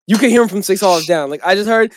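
A young man co-hosting a casual chat, telling animated stories, swearing freely and laughing often. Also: high-pitched, fast talker, no room sound, clean studio sound. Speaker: podcast co-host.

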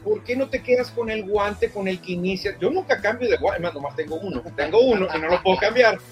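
Man, radio baseball pundit, slightly high voice, chatty and emphatic, faint music under a radio broadcast. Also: fairly quick. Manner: chatty, emphatic, tags lines with "¿eh?". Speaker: baseball commentator. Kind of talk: casual radio sports talk.

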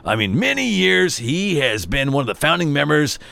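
Man, middle-aged, radio host, gravelly voice, lively pitch swings, exuberant, slangy, rambling. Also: moderate pace, no echo. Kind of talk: energetic radio show talk.

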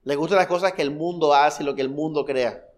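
A fervent male pastor preaches in a church hall. His voice sits a touch high for a man, and he keeps firing rhetorical questions and repeated phrases at the congregation, dropping soft and low before rising to loud, high bursts. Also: fairly quick. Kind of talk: sermon.

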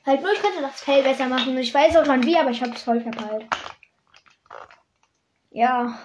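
A chatty young girl with a high voice talks through her crafting for a home vlog, teasing her little sister between steps. The recording is noisy, and clicks and clattering dishes run behind her. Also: moderate pace. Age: child. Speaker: vlogger.

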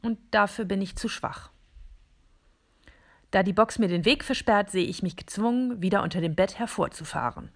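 A woman narrating a first-person children's story in a calm, deliberate way. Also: medium pitch.

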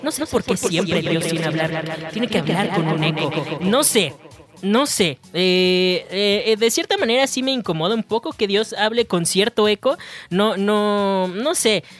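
A man's voice: sits high, animated, unhurried, fairly bright tone. A man hosting a loose comedy monologue. He rambles and hesitates often, dropping crude slang as he goes. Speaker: comedy podcast host.

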